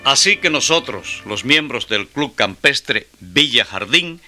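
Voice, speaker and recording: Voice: mid-range voice, animated, takes it slowly, loud music behind the voice. An actor playing a bossy, rule-minded boy who leads a club in a children's audio drama. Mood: bossy, decisive.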